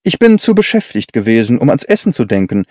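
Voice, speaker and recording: A man plays Sherlock Holmes, a brisk and eager detective. He speaks with lively rises and falls and asks pointed questions. His tone is mellow, recorded dry and close. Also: mid-range voice, dry recording, close to an everyday voice.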